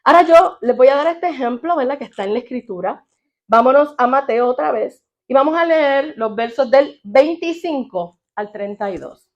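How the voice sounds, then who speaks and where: A woman preaching a sermon in an animated way, often asking her congregation questions. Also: high voice, moderate pace, lo-fi sound. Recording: audio of a sermon.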